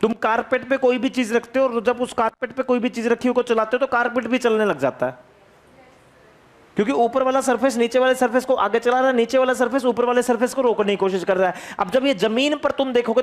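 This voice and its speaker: High-voiced energetic male physics teacher. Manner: repetitive, calls on students, asks questions. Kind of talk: energetic classroom lecture. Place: classroom.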